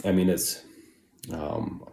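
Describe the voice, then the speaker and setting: A man's voice: low voice, steady tone, takes it slowly, mellow. An American man giving a casual product review, rambling and hesitant as he circles back to qualify his points. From United States. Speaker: pipe tobacco reviewer. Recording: roomy echo, faint background noise.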